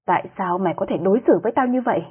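A woman's voice: mid-range voice, animated, husky, muffled recording. Woman doing a bitter, shrieking mistress. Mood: accusing. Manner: accusing, loud and fast.

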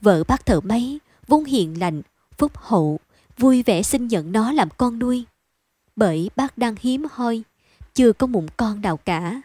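A woman with a higher-pitched voice reads a bedtime story in a calm, even storytelling manner. The recording is close and dry, with no room sound. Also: measured pace, slightly rough, dry recording.

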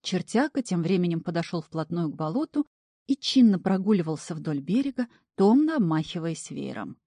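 A woman narrating a fantasy story in the first person, animated and playful. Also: lowish voice, moderate pace, no room sound, clean studio sound. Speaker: audiobook narrator.

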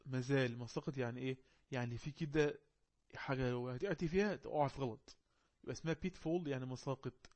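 A man with an Egyptian Arabic accent, teaching an online English lesson. He reads the English text slowly and explains it quickly in Arabic. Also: mid-range voice, darkish tone.

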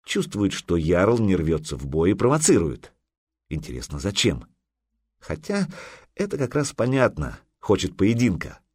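Man voicing quiet wary inner thoughts. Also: huge pitch swings, unhurried, slightly rough, no room sound, full character voice. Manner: quiet, low inner monologue. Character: wary young man thinking to himself.

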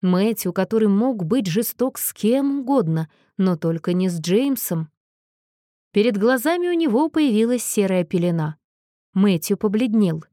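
Woman, audiobook narrator, steady, expressive, dry close sound. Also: mid-range voice, normal speed, no room sound.

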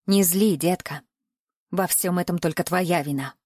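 Lady doing a sinister captor guy in an audiobook, low murmury voice, fake tender, dead dry sound. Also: a little slow, dry recording. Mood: crooning. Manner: soft crooning, at times whispering. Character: menacing male captor, falsely tender and self-pitying.

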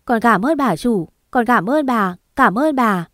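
A woman's voice: fairly high pitch, lively intonation, a little slow, fairly bright tone, no room sound, clean studio sound. A woman voicing a tearful young pregnant servant woman who begs and sobs. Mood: grateful. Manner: sobbing, begging.

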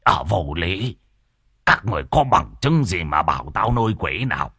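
A man's voice: sits low, very animated, moderate pace, sharp tone, breathy edge, no room sound, studio quality, full character voice. A man voicing a frightened older village man who stammers and whimpers his pleas. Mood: despairing.

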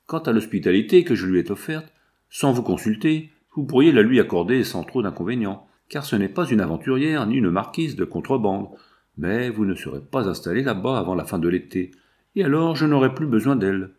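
A man's voice: lowish voice, animated, fairly quick, darkish tone, close to an everyday voice. A man reading the part of a shrewd, scheming male financier in an audiobook, speaking in a persuasive, self-assured way.

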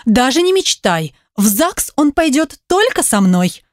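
A woman's voice: sits high, sing-song, unhurried, dry recording, clean studio sound, pitched above the performer's own voice. A woman reading an audiobook, voicing a jealous, hot-tempered young woman who snaps and hisses at her rivals. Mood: insistent. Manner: sharp, hissing.

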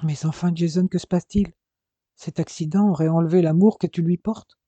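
A man's voice: on the high side, fairly even intonation, a little fast, mellow, no echo, dull audio, close to an everyday voice. A man voicing an anxious, distraught young man pleading with his twin brother, in an audiobook. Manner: agitated, imploring.

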